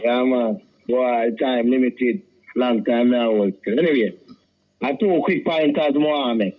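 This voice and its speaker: Jamaican guy phoning a radio show, medium pitch, casual, dull lo-fi sound. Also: measured pace. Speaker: radio phone-in caller. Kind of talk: casual chat. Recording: dull lo-fi phone-in line.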